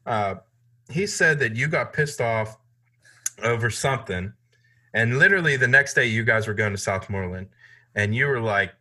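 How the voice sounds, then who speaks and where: A man's voice: mid-range voice, lively intonation, moderate pace, pushed and bright. A man hosting a casual chat, asking questions in a loose, talkative way. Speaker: host.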